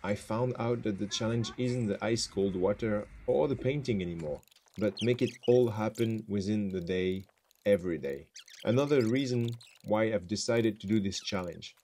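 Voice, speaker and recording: A man's voice: lowish voice, mellow, slight background noise. A man in his thirties giving a scripted voice-over narration for his challenge vlog. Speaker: vlogger and painter doing a challenge.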